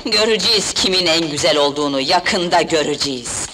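A woman's voice: sits low, expressive, fairly quick. A woman dubbing a cruel, vain queen in a film, giving harsh, threatening orders over film music. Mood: scheming. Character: cruel vain evil queen, cold and commanding. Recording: dubbed film soundtrack with music.

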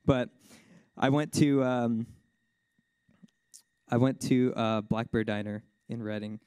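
A man preaching in a casual storytelling way, with lots of "like" and "you know". His voice jumps up high when he gets excited, and he laughs often. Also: slow, clear, resonant tone, no room sound, studio quality. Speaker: worship speaker at a church service. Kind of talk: sermon testimony told as a story.

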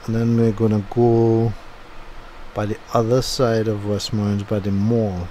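The YouTube channel host, a middle-aged man, narrates his own driving video in a loose, rambling way, full of fillers as he thinks out loud, from home after the drive. His fairly low voice moves little in pitch, at a moderate pace with a warm tone, and there's a little hiss or hum.

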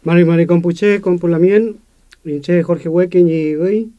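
A man, a community representative, explaining his organization in halting phrases with self-corrections. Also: high voice, fairly even intonation. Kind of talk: radio interview answer. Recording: dull lo-fi sound.

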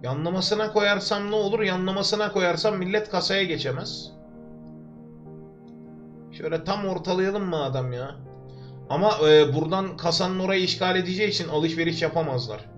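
A young man from Turkey talks through a game live from his room, his voice sitting high as he chats with viewers and jokes to himself. Quiet music runs faintly underneath him. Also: normal speed, dull audio. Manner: chatty, joking, talks to chat and to himself. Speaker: livestreamer. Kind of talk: live gameplay commentary. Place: home room. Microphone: desk microphone.

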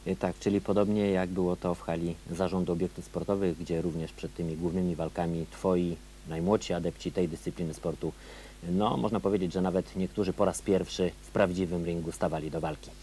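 A deep, dark-toned man hosting a local sports interview, putting his questions in long, winding sentences. A faint hum runs behind him, as on an old 1990s video tape. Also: steady tone, a little fast. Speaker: TV sports reporter.

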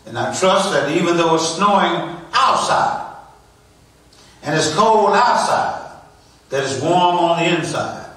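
Man preacher, slow, higher-pitched, rhythmic refrains, echoey church sound from a distance. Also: fairly bright tone. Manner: rhythmic call-and-response preaching, repeating refrains. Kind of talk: sermon. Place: church sanctuary.

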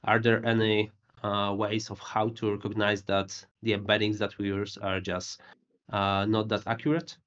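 A man's voice: on the low side, flat delivery, moderate pace, fairly bright tone. A man moderating an online panel, thanking speakers and posing long technical questions. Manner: polite, asks long framed questions. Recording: dull video-call audio.

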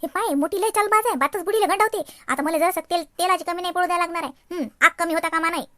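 A woman's voice: very high voice, quick pace, fairly bright tone, dry recording, clean studio sound. A woman doing a muttering, scheming gossip. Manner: gloating, muttering asides. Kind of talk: cartoon voice acting.

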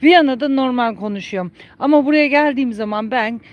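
A woman with a high, light voice and a broad Bartın Ulus accent, talking warmly and homely to her livestream audience. She is outdoors at a village farmhouse and chats on a phone as she walks. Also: brisk, lo-fi sound. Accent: Bartın Ulus regional Turkish. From Bartın, Turkey. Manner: chatty, homely, addresses viewers as friends. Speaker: live streamer. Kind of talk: casual livestream chat.

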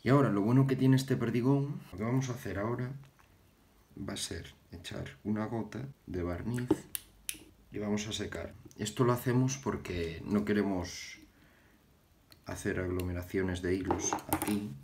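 Man, deep low voice, halting and repetitive, casual hands-on tutorial, indoors at a bench. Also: steady tone, a little mellow, slight background noise. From Galicia, Spain. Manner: halting, repeats words while working with his hands. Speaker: fly-tying channel host. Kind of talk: casual fly-tying tutorial.

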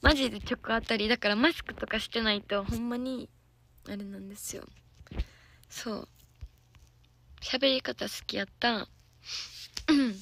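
Casting: young woman, Kansai accent, hoarse today, bright edge, giggly livestream chat. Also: on the high side. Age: young adult. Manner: giggly, chatty, answering viewer comments. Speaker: idol trainee. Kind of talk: casual livestream chat with viewers. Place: soundproof lesson room.

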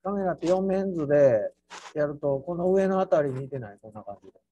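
A man with a Kansai accent teaching an architecture class through a software task, playful, with sound words and mock squeals. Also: on the high side, expressive, a little fast, lo-fi sound, slight background noise. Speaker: architecture instructor.

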